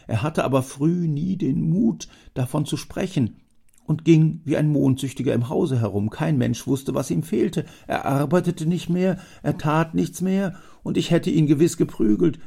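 A man doing a hearty, excitable old factory owner. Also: fairly high pitch, normal speed, gravelly, husky, voice pushed up. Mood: emphatic. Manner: hearty, emphatic, raised voice.

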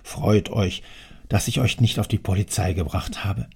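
A man voicing a grumpy, tyrannical old male factory owner in an audiobook, scolding in a thundering, gravelly voice. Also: on the low side, steady tone, normal speed, darkish tone, exaggerated voice. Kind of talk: audiobook character voice.

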